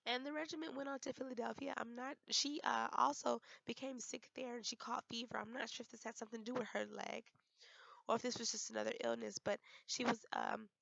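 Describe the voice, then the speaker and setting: A young woman, hoarse from a cold, giving a class presentation with frequent ums and restarts. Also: fairly high pitch, steady tone, a bit bright, dry recording, muffled recording. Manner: halting, many ums and restarts. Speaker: student presenter.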